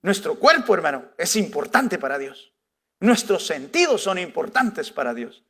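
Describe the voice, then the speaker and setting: A man's voice: sits high, very animated, moderate pace, fairly bright tone, breathy edge. A male pastor preaching a conversational sermon, full of rhetorical questions. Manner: rhetorical questions with frequent "¿verdad?".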